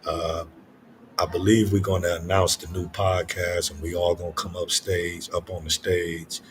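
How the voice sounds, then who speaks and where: Older man, low-pitched voice, reflective casual late-night talk, halting and repetitive, faint background noise. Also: level tone. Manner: reflective, halting, repeats phrases for emphasis.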